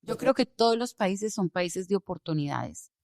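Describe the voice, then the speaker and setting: A woman from Colombia, an immigration lawyer, speaking as a guest in a podcast interview, telling her story with animated emphasis. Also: medium pitch, moderate pace, gravelly, no room sound, clean studio sound.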